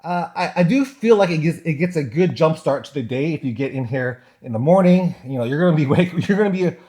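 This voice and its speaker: A man with a slightly high voice talks casually to his viewers while shivering in cold water. He speaks as a product reviewer in a loose, chatty vlog style. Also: animated, fairly quick, warm tone.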